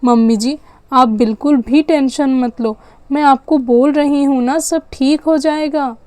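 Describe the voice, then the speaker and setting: A woman's voice: high-pitched, steady tone, a little slow, a little mellow, dry recording. A woman telling a doll story and voicing its characters, here coaxing in a soothing older-sister tone. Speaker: storyteller voicing all dolls.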